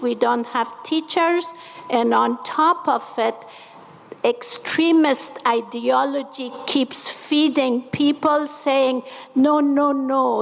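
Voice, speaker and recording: An Afghan activist in her seventies speaks on a conference panel in a large convention hall, impassioned and emphatic yet slow and deliberate. Her voice is high-pitched with vocal fry, and the recording has conference hall reverb.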